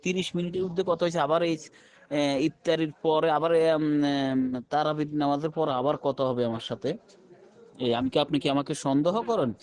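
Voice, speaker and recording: A man's voice: fairly high pitch, a little mellow. Rambling, pleading man. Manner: rambling, pleading, repeats himself. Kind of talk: personal voice message.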